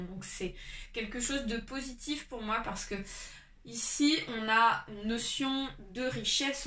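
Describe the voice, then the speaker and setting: A woman with a congested, stuffy nose from a cold gives a casual tarot reading to viewers, speaking haltingly and repeating her phrases. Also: a little high, pushed and bright. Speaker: tarot reader. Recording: roomy echo, distant mic, light noise.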